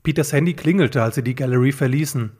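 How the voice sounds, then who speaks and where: A man narrating a fan-made detective story as an audiobook reading, steady and plain. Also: mid-range voice, quick pace, slightly rough.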